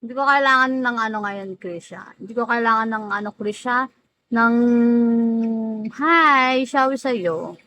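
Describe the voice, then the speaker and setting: A woman's voice: on the high side, measured pace, pushed and bright, no room sound, low-quality recording. A woman hosting a casual livestream, teasing viewers by name, laughing often and drawing out names. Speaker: livestream host. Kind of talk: casual live-stream chat greeting viewers.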